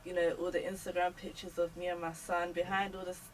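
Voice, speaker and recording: A woman's voice: on the low side, level tone, fast, recorded from a distance, a little hiss or hum, rough recording. A young woman, a guest chatting casually about motherhood with lots of fillers. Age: young adult. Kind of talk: casual chat.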